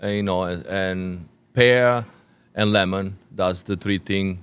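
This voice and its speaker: A man in his forties from Sicily, a restaurant owner being interviewed, speaking halting English with a Sicilian Italian accent and many restarts. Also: sits low, fairly even intonation, smooth. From Sicily, Italy. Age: 40s. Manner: halting non-native English with frequent restarts.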